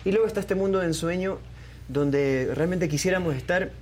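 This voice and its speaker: A man's voice: sits high, a little fast, a little hiss or hum. A young man from Ecuador, a singer being interviewed, talking casually with many fillers and restarts. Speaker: guest singer.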